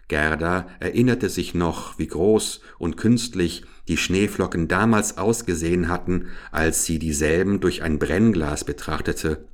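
A man narrating a fairy tale in a slow, deliberate storytelling manner. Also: low voice.

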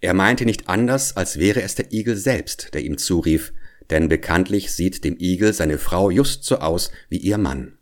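A man reading a fairy tale aloud in an expressive, measured storytelling manner. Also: sits low.

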